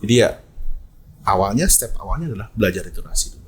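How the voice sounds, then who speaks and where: Husky animated storytelling Jakarta man. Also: lowish voice, quick pace. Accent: Jakarta slang. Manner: animated storyteller, acts out quoted lines. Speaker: esports event MC, guest. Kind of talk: casual podcast chat.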